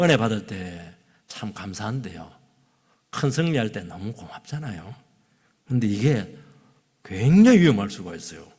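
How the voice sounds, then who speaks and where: A male pastor preaching a Sunday sermon, his husky, gravelly voice rising into loud exclamations and dropping to near-whispered asides. His pitch swings widely as he presses each point. The long reverb of a church hall trails behind every phrase. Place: church sanctuary.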